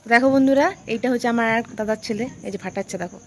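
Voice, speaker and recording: Young woman, high-ish voice, chatty vlog, noisy outdoor phone recording. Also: racing. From West Bengal, India. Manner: excited, chatty, calling out to kids. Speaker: vlogger. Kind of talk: casual vlog narration to camera. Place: village lane outdoors at night. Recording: outdoor phone video with firecracker noise. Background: firecrackers bursting.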